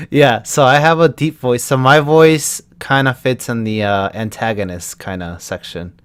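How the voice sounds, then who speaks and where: On a live stream, a young Texan voice actor talks casually with his audience and answers their questions as they pop up. He speaks a little slowly, at medium pitch, with a clear, resonant tone.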